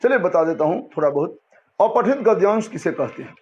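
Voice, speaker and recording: High-voiced Hindi teacher explaining a lesson. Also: male voice, animated, a little fast, a little mellow. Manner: explanatory, asks and answers own questions, frequent "है ना?". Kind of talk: spoken lesson to students. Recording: dull lo-fi sound.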